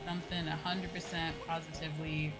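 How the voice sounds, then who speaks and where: This VTuber streamer has a deep voice with little pitch movement and a brisk delivery, heard through poor audio. She chats casually while playing, swearing freely and pressing her opinions hard, as video game music plays.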